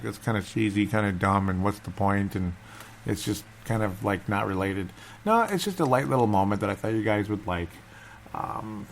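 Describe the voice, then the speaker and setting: Low-voiced man, subdued, talking over background noise. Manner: subdued, held-back voice so as not to wake someone. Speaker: sports fan show host. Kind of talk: casual solo commentary.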